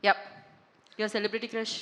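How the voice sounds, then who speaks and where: A woman's voice: mid-range voice, completely flat delivery, very slow, a bit bright, long reverb tail. A woman hosting a film event on stage, upbeat and mixing in English. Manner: upbeat, mixes Telugu and English. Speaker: event host.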